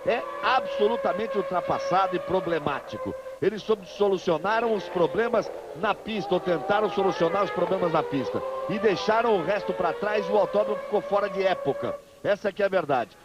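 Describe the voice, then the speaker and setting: A Brazilian man delivers emphatic live motorsport commentary in a high voice, often repeating himself. The broadcast sound is dull and lo-fi, with clear vehicle noise behind him. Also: fairly quick, few pauses. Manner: emphatic, repeats positions and phrases. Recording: dull, noisy old TV broadcast.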